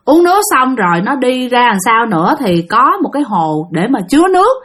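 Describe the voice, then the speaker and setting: Woman telling a spooky story, lively up and down voice, fairly high. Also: fairly quick. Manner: chatty, addressing listeners directly. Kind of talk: casual ghost-story narration.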